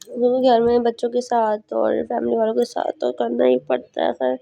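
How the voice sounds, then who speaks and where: Unwell young woman vlogging, high voice. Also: flat delivery, moderate pace, gravelly. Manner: gentle, chatty talk to viewers. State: unwell, sounds sick. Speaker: vlogger and mother. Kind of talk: casual home vlog.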